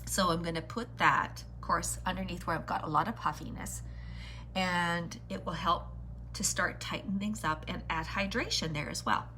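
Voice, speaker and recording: A woman's voice: on the low side, steady tone, moderate pace, bright, forceful tone, slight background noise. A woman hosting a live beauty vlog, talking casually and directly to her viewers as she does her makeup. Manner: chatty, addressing viewers directly with greetings and endearments. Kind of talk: casual livestream chat while doing makeup.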